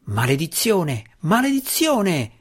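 A man voicing a frantic male human wizard in an audiobook, shrieking his lines high and drawn out. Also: big pitch swings, unhurried, heavily acted. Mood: furious.

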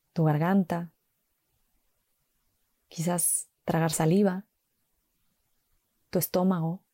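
A woman slowly guiding a mindfulness walk with calm, gentle instructions and long pauses. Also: fairly low pitch, no echo, clean studio sound. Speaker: meditation guide.

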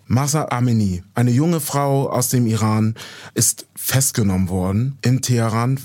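A man hosting a podcast interview who introduces his guests and asks them questions in a friendly, measured way. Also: fairly low pitch, darkish tone. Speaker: podcast host.

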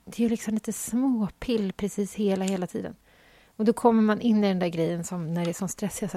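A woman's voice: medium pitch, creaky, mellow, no echo. A woman hosting her own podcast, rambling chattily and questioning herself as she talks. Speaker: podcast host. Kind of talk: casual solo podcast monologue.

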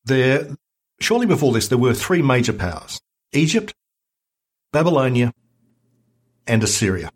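A man guest on a history podcast, explaining events in a lively, wry conversational way. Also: mid-range voice, moderate pace, long pauses. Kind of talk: casual history chat.

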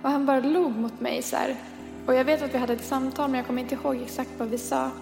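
Over music, a high-pitched, creaky female voice keeps a steady tone. She's a podcast co-host in her twenties, chatting through a personal story full of fillers and dialogue she acts out.

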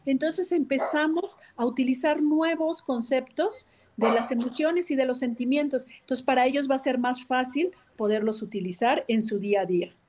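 A woman's voice: high-pitched, normal speed, few pauses, a little mellow, a little hiss or hum. A woman, chatting casually as co-host and explaining through acted-out example conversations. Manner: explains with hypothetical dialogues. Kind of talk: casual chat.

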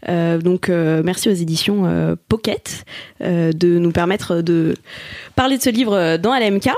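A woman's voice: on the low side, a little slow, a little mellow, no echo. Chatty woman, dry close sound. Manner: chatty, self-deprecating, many fillers. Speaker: podcast co-host. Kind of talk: casual chat.

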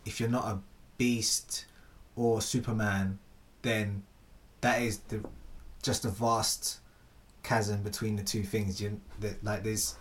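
A man's voice: lowish voice, level tone, takes it slowly. A man in a casual philosophical chat, thinking aloud with hesitant restarts.

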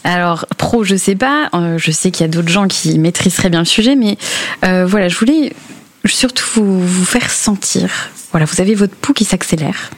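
A woman's voice: fairly low pitch, moderate pace. A woman presenting a spoken chronicle on video games, talking casually with frequent hesitations and filler sounds. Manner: hesitant, many fillers, laughs often.

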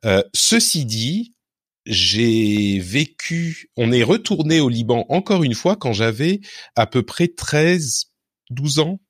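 A man being interviewed, reflecting on his upbringing in a relaxed, digressive way and often correcting himself mid-sentence. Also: medium pitch, takes it slowly, dry recording, clean studio sound. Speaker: interview guest.

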